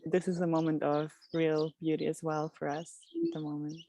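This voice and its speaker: A woman from Switzerland, a podcast guest speaking outdoors in a reflective, halting way. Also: deep voice, level tone. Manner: soft, reflective, halting with restarts. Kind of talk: casual interview chat. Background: birdsong.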